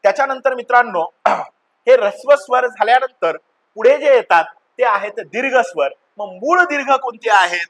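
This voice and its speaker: A man's voice: extremely high pitch, normal speed, a bit bright. A man teaching a grammar lesson like a classroom teacher, chanting the letters one by one and asking questions he answers himself. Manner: chanting the vowels one by one, addressing students as children.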